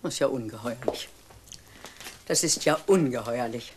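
An actress playing an older mother visiting her son and daughter-in-law, flustered, indignant and quick to exclaim. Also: very deep voice, background noise. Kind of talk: TV drama acting.

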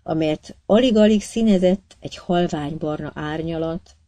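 Woman narrating an audiobook, mellow tone. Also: sits low, no echo. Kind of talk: scripted narration.

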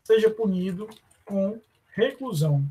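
A man with a Brazilian accent teaching a live online law class, often calling students by name and slowing down to stress terms. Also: sits high, animated, dark tone, a little hiss or hum. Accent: Brazilian Portuguese. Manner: addresses students by name, many fillers and restarts. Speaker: law professor.

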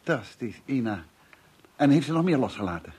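An actor in a 1950s radio drama, playing a calm, shrewd detective who asks short, probing questions in a measured way. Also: male voice, mid-range voice, slightly rough.

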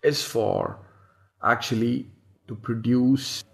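A man's voice: medium pitch, steady tone, slow, creaky. A man from India presenting farming slides, reading them aloud and adding his own remarks with some hesitation. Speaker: farm owner presenting slides.

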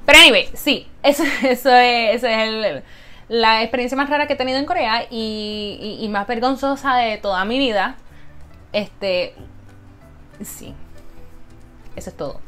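A young woman, telling a story to camera as a vlogger in an animated, dramatic way and mixing in English words. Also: fairly high pitch, moderate pace, long pauses, faint music behind.

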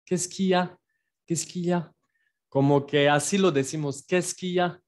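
A man from France, teaching phrases in a patient online lesson and repeating each phrase slowly for learners. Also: fairly high pitch, fairly even intonation. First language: French. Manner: writes on a board while explaining. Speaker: French teacher.

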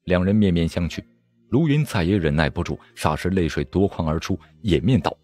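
Guy reading a wuxia novel, deep husky voice, really lively delivery. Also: a little fast. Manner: dramatic, expressive storytelling. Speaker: audiobook narrator.

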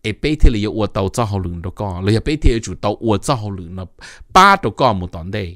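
A middle-aged man hosting a casual informational talk, animated and mixing in English terms. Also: on the low side, fast, dry recording, clean studio sound. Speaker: host giving advice.

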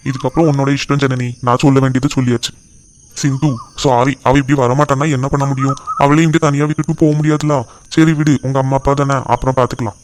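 A man voicing a caring middle-aged father in a cartoon, soft-hearted and pleading. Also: mid-range voice, level tone, quick pace, slight background noise, lightly acted. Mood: gentle.

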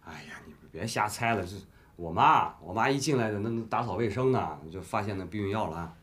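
An actor playing a lazy, gambling young husband in a family TV drama, speaking, first coaxing and then loudly exasperated. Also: male voice, on the low side, expressive, a little fast. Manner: wheedling, then exasperated and loud. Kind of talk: Beijing-flavored TV drama acting.

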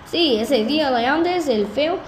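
A woman's voice: sits high, animated, takes it slowly, roomy sound, slight background noise. A woman with a Spain Spanish accent giving playful, joking let's-play commentary, laughing often. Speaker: gaming video host.

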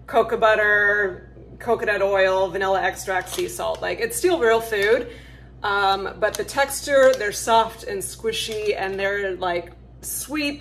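A lifestyle vlogger with a medium-pitched voice chats casually and upbeat to camera, using "like" as a frequent filler. She films in her home kitchen and out on her porch, and the recording is rough.

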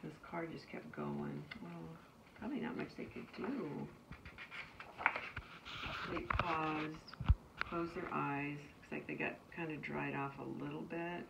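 A nursery school teacher reads a picture book aloud to children, pausing to chat casually about the pictures. Her voice is low, gravelly, and sing-song. The mic is distant, with faint background noise.

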